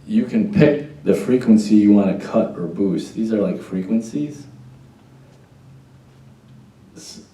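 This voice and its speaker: A sound board trainer with a fairly low, mellow, expressive voice speaks at normal speed while patiently demonstrating a church mixing desk step by step, running a "check, one, two" mic test. He's far from the mic indoors in the booth, giving a roomy, low-quality recording.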